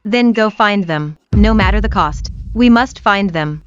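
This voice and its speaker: Woman acting a smooth-voiced, protective rich young wife. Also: mid-range voice, a little slow, dry recording, lightly acted. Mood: commanding. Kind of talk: dubbed melodrama acting. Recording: slightly dull, music behind.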